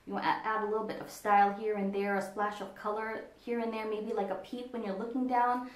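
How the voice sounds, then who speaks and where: A woman walks through a makeup tutorial in a casual, meandering way, pausing on ums as she goes. Her voice sits at an ordinary middle pitch. The sound bounces around a reflective room. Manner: relaxed, meandering, frequent ums. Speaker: makeup vlogger. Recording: echoey room.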